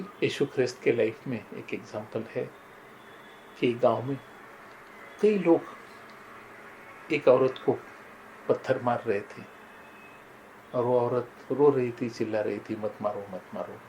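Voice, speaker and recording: A man's voice: mid-range voice, a little mellow, slight background noise, low-quality recording. Earnest older man telling moral stories. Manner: earnest storytelling, often addresses listeners as friends. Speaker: motivational speaker. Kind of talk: motivational talk with personal stories.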